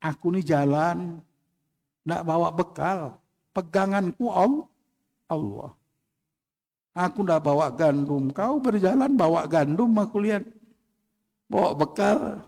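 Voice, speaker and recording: Calm pious talking dog told by a man, gently reproachful, in a fairly high voice, in a sermon tale. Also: slow, gravelly, long pauses, long reverb tail, full character voice. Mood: gentle reproach. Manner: gently reproachful, plain-spoken.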